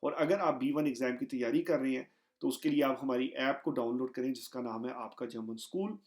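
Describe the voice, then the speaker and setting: A man teaching a beginner German lesson, repeating each phrase slowly and deliberately. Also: medium pitch, darkish tone. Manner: slow, deliberate repetition of phrases.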